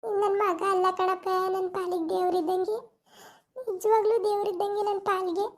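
A woman's voice: very high voice, little pitch movement, moderate pace. A woman voicing a humble, tearful old village aunt in a cartoon, with a pleading, self-reproaching manner. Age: older. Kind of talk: cartoon voice acting.

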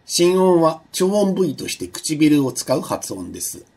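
Husky mellow-voiced male lecturer. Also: on the high side, big pitch swings. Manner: patient explanatory, many fillers, slow demonstrations of sounds. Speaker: university lecturer. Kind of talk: recorded online lecture.

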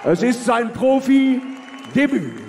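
A man announces fighters as a ring announcer in a high, widely swinging voice. His delivery is ceremonial and stretched out, rising to big calls. It echoes around an arena with some crowd noise behind. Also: big pitch swings, a little mellow. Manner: grand, ceremonial, building to drawn-out calls. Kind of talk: boxing ring announcer introductions, drawn out and shouted. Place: large indoor fight arena.

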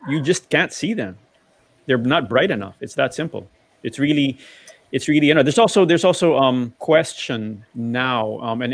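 On a video call from his home study, a middle-aged man joins a casual panel about driving. He explains things at length in a mid-range voice, frequently restarting his sentences, with no room sound.

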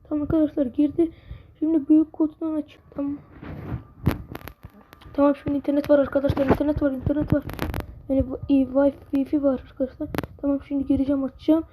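Woman host, high voice, impatient and fed up, looping words; muffled recording with clear background hiss. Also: quick pace, pauses often. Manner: impatient, exasperated, repeats words over and over. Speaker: mobile gaming channel host. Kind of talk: casual gameplay commentary. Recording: dull lo-fi sound with steady background noise.

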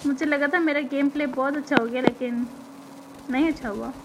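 A young woman from Pakistan, a game streamer with a hoarse throat, chatting and teasing viewers as she reads their comments during a live stream. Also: high-pitched, steady tone, a little fast, very noisy. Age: young adult. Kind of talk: live-stream chat while gaming. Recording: loud gunfire from the game behind.

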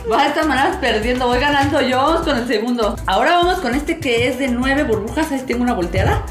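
A woman hosting a toy channel in a casual, playful way, with a bright, sing-song, excitable delivery. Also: high voice, quick pace. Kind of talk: casual playful presenting to camera. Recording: roomy echo, music underneath. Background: background music.

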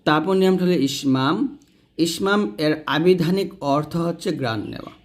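Man explaining Quran reading rules. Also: a little high. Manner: explains step by step, slowly drawing out example recitations; addresses viewers directly, pointing at the page. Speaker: Quran recitation teacher. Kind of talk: tajweed lesson, explaining rules.

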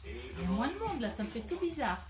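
A woman talking casually on a live home video, coaxing and scolding her dogs in an animated way. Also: on the high side, brisk, noisy background. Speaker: dog owner streaming live. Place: at home, indoors.

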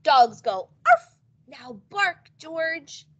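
A woman's voice: sits high, wildly swooping pitch, drawn-out words, a bit bright, dull audio, pitched above the performer's own voice, exaggerated voice. A woman reading the lines of a patient, firm mother dog in a storybook read-aloud. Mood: patiently firm.

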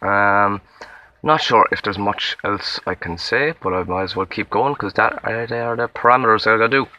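A man's voice: lowish voice, normal speed, pushed and bright, lo-fi sound. A young man with a Limerick Irish accent, recording a casual self-introduction audition outdoors in a wood, rambling and self-deprecating with many fillers and restarts. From Limerick, Ireland. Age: young adult. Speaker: acting auditionee.

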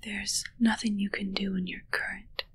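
A young woman whispers near the camera on a close mic, playing a calm, controlling witch who raises corpse familiars in an ASMR roleplay set in a small, dark, curtained indoor room. Her medium-pitched voice stays close to everyday speech, slow and breathy, hushed and soothing with an undercurrent of calm menace. There's a little hiss or hum.

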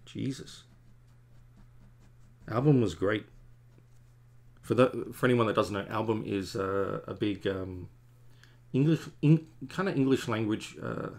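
This is a forties-aged comic artist talking casually and self-deprecatingly to people watching his stream while he sketches at his home studio desk. The voice is on the low side and darkish, delivered at a measured pace with long pauses.

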